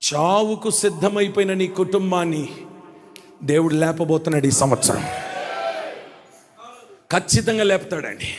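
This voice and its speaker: High-pitched shouting pastor. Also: male voice, normal speed, pauses often, in a large hall, a little hiss or hum. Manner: repetitive call-and-response preaching, swings from shouting to low intensity. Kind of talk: Pentecostal sermon. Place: church service.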